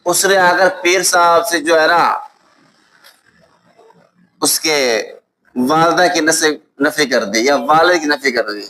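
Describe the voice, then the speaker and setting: A man with a Pakistani Urdu accent teaching a lesson on Islamic law. He recites Arabic texts slowly, then explains them with examples and often checks that students follow. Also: a little high, sharp tone, slight background noise, low-quality recording. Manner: explains with worked examples and asks "ٹھیک ہے؟" to check understanding. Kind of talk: classroom lecture.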